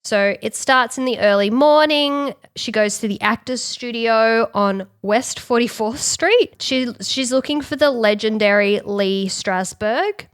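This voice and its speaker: A woman co-hosting a podcast, retelling a story in casual chat and acting out quick quotes. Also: fairly high pitch, no echo, studio quality. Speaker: podcast co-host.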